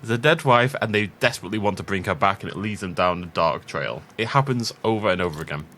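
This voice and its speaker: A deep-voiced man speaks quickly, with a little hiss or hum in the audio. Though sick and sniffly with an itchy throat, this let's play commentator chats animatedly and rambles as he plays.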